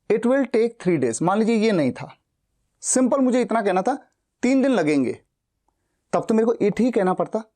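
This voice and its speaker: A man's voice: sits high, warm tone. A man teaching a spoken English lesson who explains step by step and repeats example sentences.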